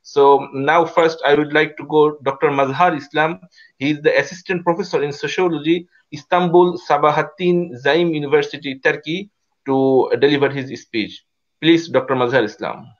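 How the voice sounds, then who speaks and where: A man's voice: fairly high pitch, fairly even intonation, normal speed. A man with a somewhat raised voice moderates an online webinar, politely introducing the next speaker. His audio over the video call sounds dull and lo-fi. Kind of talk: formal moderating.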